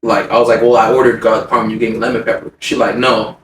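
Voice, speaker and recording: A man telling a story in casual podcast chat, swearing freely, his voice jumping much higher when he acts out his anger. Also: fast. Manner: animated, swearing, voice jumps high when retelling anger. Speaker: podcast co-host. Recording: roomy sound, mic a bit far, faint noise.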